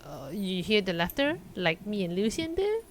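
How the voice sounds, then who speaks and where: A woman's voice: medium pitch, sing-song, moderate pace, a little hiss or hum. A woman, chatting and asking questions as a player in a tabletop game. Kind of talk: casual tabletop game chat.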